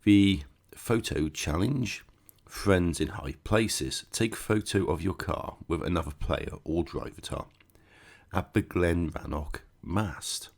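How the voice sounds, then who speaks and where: Stuffed up and croaky with a cold, a gaming channel host with a deep voice takes his time through a walkthrough. His casual chat is peppered with sarcastic asides.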